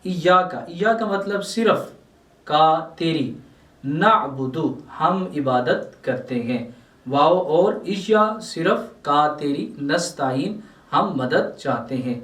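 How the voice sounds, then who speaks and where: A man's voice: a little high, lively intonation, a bit bright, reverberant, recorded from a distance. A man with a Pakistani Urdu accent gives a religious lesson, reciting verses and explaining them word by word. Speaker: Islamic scholar teaching Quran translation.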